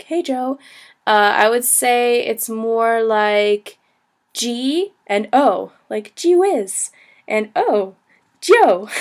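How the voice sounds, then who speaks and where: A woman's voice: on the high side, fairly bright tone. A young woman in her twenties giving a casual video lesson as a language teacher and travel blogger, chatty and laughing, with many ums and likes.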